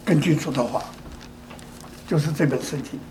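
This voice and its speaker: A man's voice: a little high, normal speed, mellow, slight background noise. An older man giving a sermon, speaking in repeated phrases and asking rhetorical questions such as whether the listeners agree. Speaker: preacher. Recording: echoey room.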